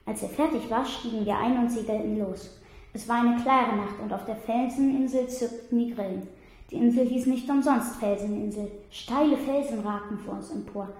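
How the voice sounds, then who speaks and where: A woman reads a first-person adventure story aloud in a steady, plain manner. Her voice sits a bit high, and the room around her echoes heavily. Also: moderate pace.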